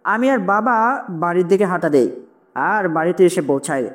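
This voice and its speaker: Story narrator for a spoken horror tale; keep it even and plain, mid pitch. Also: moderate pace.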